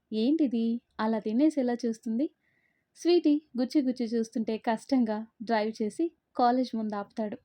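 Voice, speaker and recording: A woman narrating a romance story, voicing the lovers' banter herself in a lively way. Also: a little high, no echo. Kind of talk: dramatic story reading. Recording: dull, muffled dry recording.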